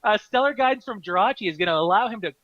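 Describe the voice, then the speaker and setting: A man doing live card game commentary, excitable, laughing often and restarting his sentences. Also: sits high, rapid-fire, no echo, muffled recording.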